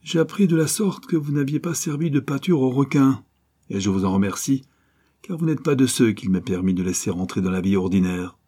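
A man's voice: medium pitch, lively intonation, fairly quick, dark tone, slightly rough, voice pushed up. A man reading aloud and voicing a sneering, ruthless male bandit chief in a storybook adventure. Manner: sneering, boastful.

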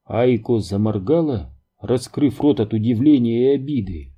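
A man narrating an audiobook in a steady, measured reading. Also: mid-range voice, breathy edge, muffled recording. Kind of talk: scripted narration.

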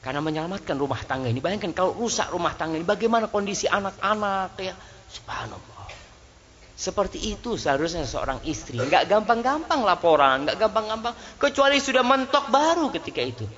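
A man giving a conversational sermon as a preacher, his voice jumping high for emphasis. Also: big pitch swings, quick pace, fairly bright tone. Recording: slightly dull lo-fi sound.

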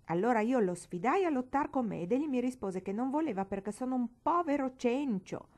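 A woman's voice: a little high, animated, a little fast, a little mellow, voice pushed up. A woman voicing an indignant, quarrelsome young boy in a storybook reading, with an aggrieved, complaining manner.

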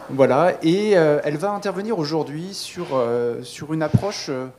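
A man introducing a speaker at a conference, very halting and searching for his words. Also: on the high side, a little mellow, a little hiss or hum. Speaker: event host introducing a speaker.

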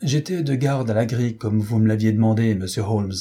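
Excited rustic gardener, put on by a man, eager and breathless, husky. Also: fairly low pitch, fairly quick.

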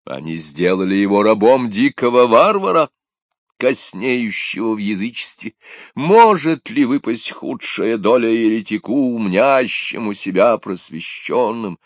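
A fervent temple priest thunders a sermon over a crowd, as a man puts him on. His voice rises well above the reader's own and rings out loud and slow, every phrase stretched with grave ceremony. The delivery is dry and close, with no room sound. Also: animated, dry recording. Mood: solemn, thundering. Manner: solemn, booming, drawn-out sermon delivery. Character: zealous male temple priest preaching loudly.

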